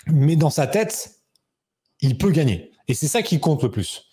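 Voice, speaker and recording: A man in his thirties telling a personal story as an interview guest, animated and acting out quoted dialogue. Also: a little slow. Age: 30s. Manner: animated, acts out quoted dialogue with raised pitch. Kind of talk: casual storytelling.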